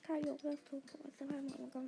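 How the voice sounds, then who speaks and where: A woman chatting quietly through her game, pleading for lucky draws and gushing over outfits. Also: sits high, level tone, fast, creaky, background noise. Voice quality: quiet, soft-spoken. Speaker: gamer narrating her play. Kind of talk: casual game commentary.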